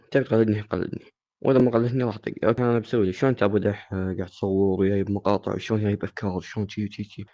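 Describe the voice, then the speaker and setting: A man's voice: lowish voice, mellow, dull audio. A man, hosting a casual, joking tutorial and teasing his viewers. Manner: teasing, playfully insulting. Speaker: gaming channel host.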